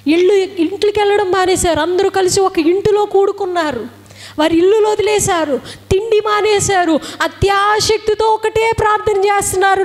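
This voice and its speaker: A woman's voice: very high-pitched, in a large hall. A woman preaching a fervent sermon, firing rhetorical questions and repeating phrases for emphasis.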